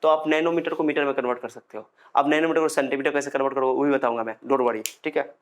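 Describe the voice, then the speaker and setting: A man's voice: medium pitch, steady tone, fast talker. A man giving a physics lecture at a board, repeating key points emphatically and having students say terms back after him. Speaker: physics teacher.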